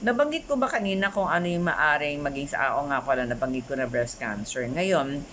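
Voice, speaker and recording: A middle-aged woman from the Philippines giving a health talk to her viewers, chatty, switching often into English and full of animated asides. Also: low voice, a little fast, slight background noise. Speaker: health vlogger. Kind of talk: casual talk to camera.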